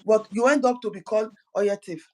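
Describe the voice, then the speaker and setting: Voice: medium pitch, fairly quick, low-quality recording. A speaker gives an impassioned political address as an activist, fervent and full of repeated words and restarted phrases.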